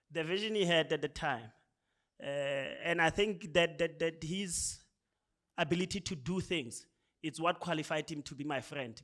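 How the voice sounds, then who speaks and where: A South African man speaks to a room at a launch event. His voice sits a little high and his delivery is loose and conversational. He keeps nudging the audience along with a quick "right?". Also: a bit bright. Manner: conversational, often tags lines with "right?". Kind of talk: speech at a programme launch.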